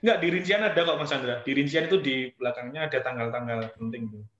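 A man hosting an online session, speaking casually and warmly to participants over a video call. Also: mid-range voice, quick pace, crowd noise. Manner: friendly, mixes in Javanese phrases. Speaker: online event host. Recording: echoey, muffled video call audio.

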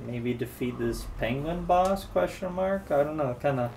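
A man co-hosting a let's play, speaking in an easygoing, hesitant way with halting phrases, at home. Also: fairly high pitch, expressive, a little mellow, slight background noise. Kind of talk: casual gameplay chat. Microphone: desk microphone. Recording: voice set back from mic. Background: game music.

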